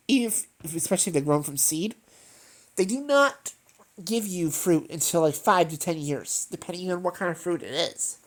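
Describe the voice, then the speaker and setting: Congested and nasal from allergies, this woman runs a gaming channel and rambles casually while she plays. Her voice is low with a somewhat dark tone, and she wanders between topics, filling gaps and correcting herself often.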